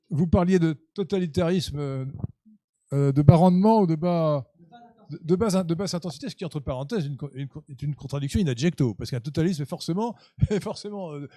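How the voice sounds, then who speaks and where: A man hosting a conversational radio interview, talking haltingly with many fillers and restarts and turning emphatic when he argues a point. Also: a little high, warm tone, dry recording, clean studio sound. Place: radio studio.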